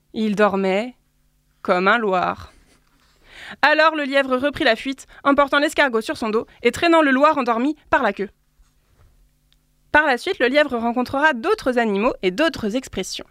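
A woman who works as a librarian, giving a clear, lively scripted presentation of children's books and apps. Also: on the high side, dry recording, clean studio sound. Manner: clear, lively storytelling delivery.

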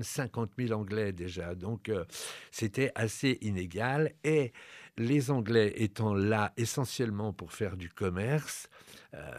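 A man with a fairly low voice hosts a radio show, talking through history off the cuff. He stumbles, restarts and fills pauses often, with a wry aside here and there. The sound is dry and close, with no room around it. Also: dry recording. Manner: halting, with many fillers and restarts. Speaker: radio host. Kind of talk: unscripted history talk on music.

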